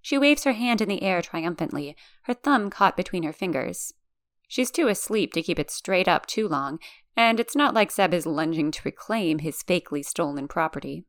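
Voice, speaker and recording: A woman reading fan fiction aloud as a podfic, narrating in a calm, gentle storytelling manner. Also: on the low side, normal speed, no echo, studio quality. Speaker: podfic reader.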